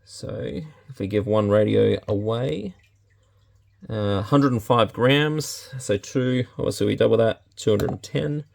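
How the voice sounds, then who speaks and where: Speaking a little slowly in a lowish, darkish voice, an Australian man reviews products in a casual, unscripted unboxing and demo. He's laid-back and thinks aloud as he handles the items, and the recording carries clear background noise and handling clicks.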